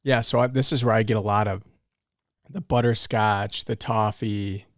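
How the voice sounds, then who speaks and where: A man's voice: fairly low pitch, steady tone, moderate pace, no room sound, clean studio sound. A man co-hosting, chatting casually and often asking "right?". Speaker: co-host. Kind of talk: casual chat.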